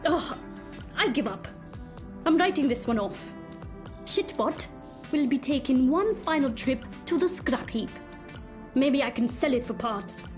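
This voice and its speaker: High-voiced, scornful workshop boss. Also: female voice, lively intonation, measured pace, long pauses. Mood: scornful, exasperated. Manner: sarcastic, blunt, swearing. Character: foul-mouthed, cynical, scornful female workshop boss. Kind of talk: video game voice acting. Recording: faint music behind the voice.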